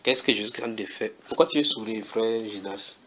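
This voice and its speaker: A man's voice: on the low side, moderate pace, fairly bright tone, slight background noise. A man preaching in a church, reading Bible verses aloud and firing questions at the congregation. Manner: teasing rhetorical questions to the congregation.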